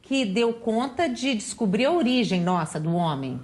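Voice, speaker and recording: A woman's voice: on the high side, animated, normal speed, darkish tone. A Brazilian woman hosting a TV interview, prompting her guests with short questions. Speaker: TV host.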